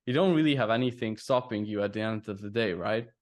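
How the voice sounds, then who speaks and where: A man's voice: on the low side, fast talker. A man hosting a casual interview with his former student, speaking loosely with many fillers. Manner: loose, lots of fillers like "like" and "you know". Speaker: host, business coach.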